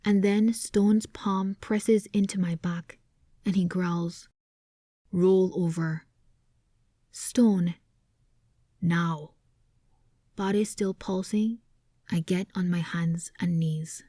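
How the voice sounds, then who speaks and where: A woman narrating a first-person romance audiobook in a hushed voice that often drops to a whisper. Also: mid-range voice, steady tone, slow, no echo, studio quality.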